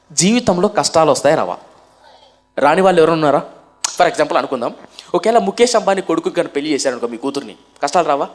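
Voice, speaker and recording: A man with a Telugu accent preaching a sermon as a story, asking the listeners questions and answering them himself, rising to loud emphatic bursts and dropping to soft passages. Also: medium pitch.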